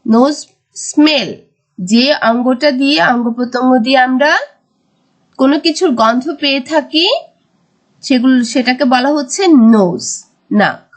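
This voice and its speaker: A woman teaching a primary school English lesson, mixing English words with Bengali explanations and drawing words out slowly. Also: high voice. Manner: slow, drawn-out word-by-word teaching. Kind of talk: recorded classroom lesson.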